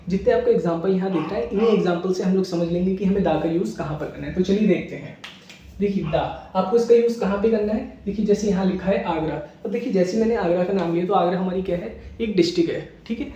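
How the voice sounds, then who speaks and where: A man's voice: high-pitched, mellow. A male teacher giving a grammar lesson, explaining each example through repeated questions and answers. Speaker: English teacher. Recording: echoey, distant, dull room sound.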